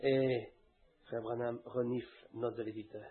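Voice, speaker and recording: A man's voice: mid-range voice, flat delivery, normal speed, breathy edge. A man preaching a sermon fervently, breaking into hallelujahs and imitating a duck and a hen. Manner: fervent, with shouted hallelujahs and imitated animal calls. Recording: tinny phone-like lo-fi recording.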